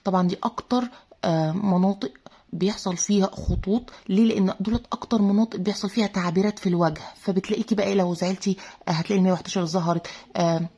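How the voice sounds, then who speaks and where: A woman's voice: medium pitch, fairly even intonation, rapid-fire, mellow, husky. A woman with an Egyptian accent chatting through a product review, full of fillers and talking straight to her female viewers. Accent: Egyptian Arabic. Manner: chatty, many filler "aah"s, addresses viewers as girls. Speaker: beauty vlogger reviewing a serum.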